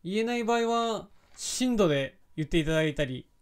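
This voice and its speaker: A man hosting a casual live stream, reading viewer comments aloud and chatting in a relaxed, thinking-out-loud way. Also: sits high, moderate pace, clean tone.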